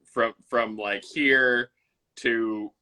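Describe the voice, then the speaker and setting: A man's voice: mid-range voice, fairly even intonation, very slow, bright, forceful tone. A man co-hosting a podcast in casual chat, playful and laughing often, swearing casually. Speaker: podcast co-host.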